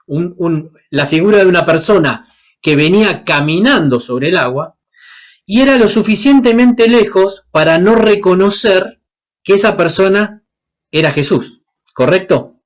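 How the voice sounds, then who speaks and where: Paraguayan guy preaching, keeps asking the crowd questions, acts out the story. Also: high voice. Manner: asks the congregation questions, voices the Bible characters. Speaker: guest preacher. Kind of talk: sermon.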